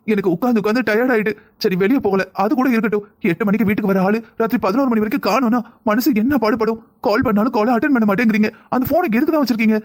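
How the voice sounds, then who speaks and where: Brief: a man playing a fretful young cartoon wife, southern Tamil accent, very high and rapid. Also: close to an everyday voice. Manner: pleading, scolding, quick. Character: anxious young wife, worried and reproachful. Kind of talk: cartoon voice acting.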